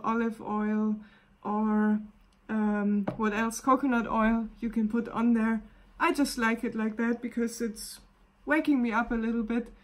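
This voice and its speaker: A woman with a German accent, a wellness coach gently talking through a casual live video demonstration and often pausing to search for words. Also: fairly high pitch.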